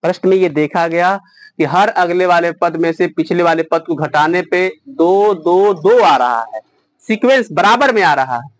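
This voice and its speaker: A man's voice: high-pitched, normal speed. A man teaching a math lesson to a class, explaining step by step and quizzing his students.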